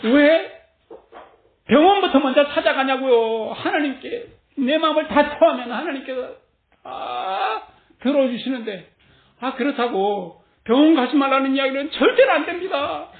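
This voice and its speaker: A woman delivers a sermon with lively energy, often laughing as she preaches. Her voice comes through narrow and tinny, like a phone line. It rings in a roomy, echoing space. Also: high-pitched, normal speed, creaky. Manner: animated, acts out quoted voices, laughs often. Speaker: pastor. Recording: tinny phone-like sound in an echoey room.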